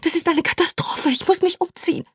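A woman's voice: very high voice, fairly even intonation, fairly quick, dry recording, studio quality, pitched above the performer's own voice. A woman voicing a self-conscious, anxious woman at a gala in an audiobook. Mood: panicked.

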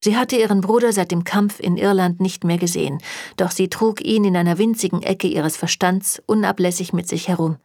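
A woman narrating a German fantasy audiobook in a calm, even storytelling manner. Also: on the low side, fairly quick, no echo, clean studio sound. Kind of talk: scripted narration.

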